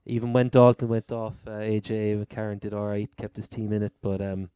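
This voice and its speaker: Male co-host, Cork Irish accent, lowish clean voice, dry sound, blunt casual sports talk. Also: monotone, a little fast, warm tone, clean tone, no echo. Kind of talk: casual American football chat.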